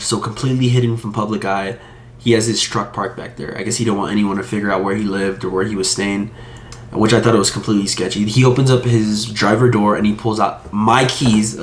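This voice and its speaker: A man's voice: on the low side, slight background noise. Angry man venting, echoey room. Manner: heated, aggrieved storytelling. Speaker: vlogger. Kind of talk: casual storytelling to camera.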